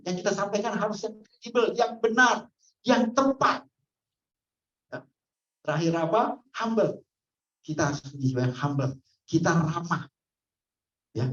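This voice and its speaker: A woman trainer giving a customer-service training lecture and quizzing the audience as she goes. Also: lowish voice. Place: training hall. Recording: echoey, dull lo-fi room sound.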